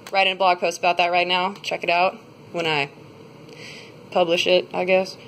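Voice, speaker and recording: A fairly low, level voice at normal speed belongs to a woman in her twenties vlogging a grocery haul, rambling with plenty of fillers. She records on a phone camera at arm's length in a parked car, then in her home kitchen, and a little hiss or hum comes through.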